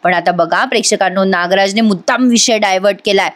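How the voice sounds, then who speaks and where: A woman's voice: mid-range voice, fast. A woman narrating a voice-over recap of a TV serial, chatting with her viewers and acting out the characters' lines. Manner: retells scenes and acts out each character's lines; chatty, addresses viewers directly. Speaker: TV serial reviewer.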